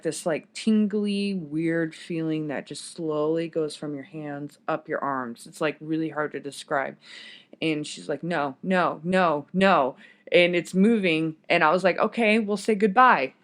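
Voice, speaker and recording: A woman's voice: sits low, fairly even intonation, measured pace, fairly bright tone. Woman on a podcast rambling thru her story, keeps going off on tangents. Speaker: podcast guest. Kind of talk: casual storytelling. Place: podcast studio.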